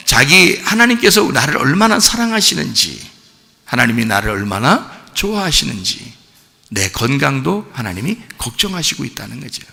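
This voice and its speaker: A male pastor preaching in a church sanctuary, his gravelly, bright voice ringing with a long hall reverb. He leaps between loud, high exhortation and hushed, low scolding. He quizzes the congregation and answers his own questions, with a lively, swooping pitch. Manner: asks the congregation questions and answers them himself. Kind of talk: sermon.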